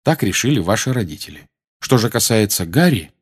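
A man reading aloud and voicing a grown wizard who speaks calmly and coldly but also with defiance. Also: on the low side, fairly quick, husky. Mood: cool. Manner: calm, cold, and sometimes irritated. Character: cool, defiant grown wizard, godfather type.

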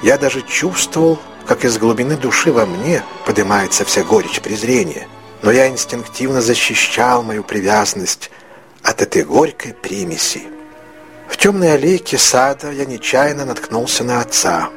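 A man reading a literary story aloud as narrator, in a measured, reflective way. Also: mid-range voice, lively intonation, a bit bright, faint music behind.

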